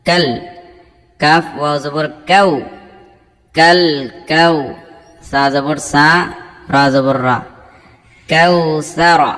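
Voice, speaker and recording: A man teaching Quran recitation, chanting verses slowly and drawn out, then spelling out letters and explaining. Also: a little high, a bit bright, in a large hall.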